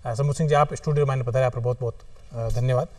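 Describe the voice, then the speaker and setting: A male host of a television studio program, interviewing guests and reading short poems slowly and deliberately. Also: medium pitch, steady tone, darkish tone, no room sound, recorded from a distance. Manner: reads his short poems slowly and deliberately, repeating lines. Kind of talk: hosted interview with poetry readings.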